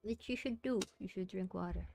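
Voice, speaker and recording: A young woman streamer chatting casually to her viewers, rambling softly and talking her thoughts through as she goes. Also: medium pitch, brisk, vocal fry, faint music behind. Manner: rambling, soft-spoken, talks herself through thoughts. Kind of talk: casual chat.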